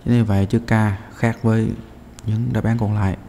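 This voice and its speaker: Low-voiced male teacher, reverberant room. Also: level tone, brisk, creaky, mellow, a little hiss or hum. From Vietnam. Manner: explains step by step with many "à" fillers. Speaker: English teacher. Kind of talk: walking through test answers.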